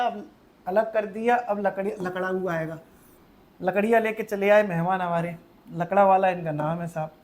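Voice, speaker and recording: A man teaching an online exam-prep lecture. He talks in a playful storytelling way, uses memory tricks, keeps checking whether the class is following, and swings between loud emphasis and quiet asides. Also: high-pitched.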